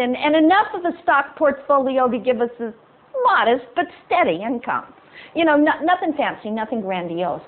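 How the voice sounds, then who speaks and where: A poor fisherman in a storybook, folksy and a bit whiny as he complains, as a woman puts him on. His voice sits high for a man. The sound is thin and phone-like. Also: lightly acted. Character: poor, complaining working-class fisherman, gruff.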